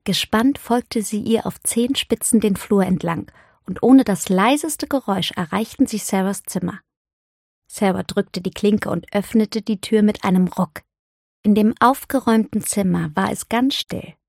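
A woman narrating a storybook audiobook in a calm, even storytelling voice. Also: mid-range voice, normal speed, creaky, dry recording, studio quality.

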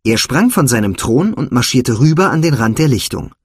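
A man narrating a children's fantasy storybook in a measured, expressive way. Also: mid-range voice, slightly rough, no echo, studio quality.

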